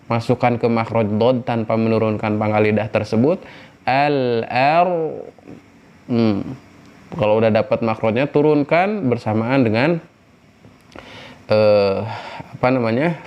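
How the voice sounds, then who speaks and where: A man teaching Quran recitation rules, patiently explaining and drawing out syllables slowly to demonstrate. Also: medium pitch, a little mellow, muffled recording. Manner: patient, repeats syllables slowly to model pronunciation. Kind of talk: tajwid lesson with slow demonstrations.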